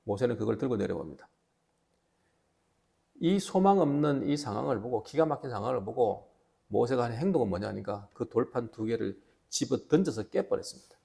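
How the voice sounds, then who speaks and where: A male pastor with a Gyeongsang Korean accent, preaching a sermon with emphatic, animated storytelling. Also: medium pitch, fairly quick, vocal fry. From Gyeongsang region, South Korea.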